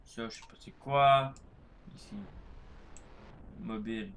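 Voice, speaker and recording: A man's voice: medium pitch, steady tone, takes it slowly, a bit bright, slight background noise. A man giving casual gameplay commentary, rambling with lots of fillers and crude swearing. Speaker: gaming youtuber.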